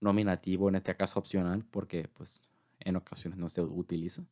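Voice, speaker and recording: Low-voiced man teaching German slowly. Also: flat delivery, dark tone, dull audio. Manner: slow, careful repetition of example phrases; filler "pues" between phrases. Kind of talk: voice-over language lesson.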